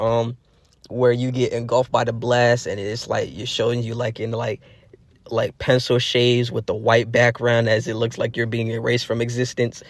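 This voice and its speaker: A young man telling a fan-made story off the cuff, rambling and restarting as he goes. His voice sits at an ordinary male pitch. The sound is dry and close, with no room echo. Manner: rambling, heavy fillers and restarts. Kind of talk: casual improvised storytelling.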